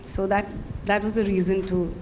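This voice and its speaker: A woman with an Indian English accent, an interior designer talking about her book in a soft, hesitant way with many ums. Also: mid-range voice, level tone, moderate pace, noisy background. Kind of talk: unscripted interview answer.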